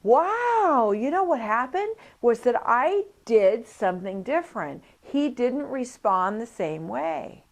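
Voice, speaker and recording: A woman's voice: a little high, takes it slowly, hardly any pauses. A woman instructor teaching a coparenting class, telling stories and acting out what people said. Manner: animated storytelling, acts out quoted voices. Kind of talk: lively teaching talk with anecdotes.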